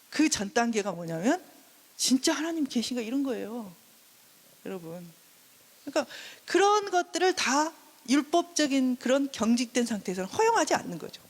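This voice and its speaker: A woman's voice: high voice, in a large hall. A woman giving a counseling lecture, who acts out what parents say to their children. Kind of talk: classroom lecture.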